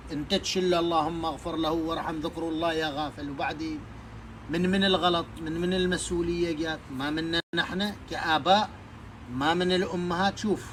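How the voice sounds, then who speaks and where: A man's voice: on the high side, fairly bright tone, a little hiss or hum, poor audio. A man giving emphatic advice to parents, preaching with many rhetorical questions. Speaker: social media speaker giving advice to parents. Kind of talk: impassioned advice monologue.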